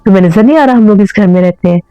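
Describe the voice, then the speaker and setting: Woman doing indignant young male jinn, quick and sharp-worded, warm voice. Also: medium pitch, smooth, no echo, soft background music, natural voice. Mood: angry.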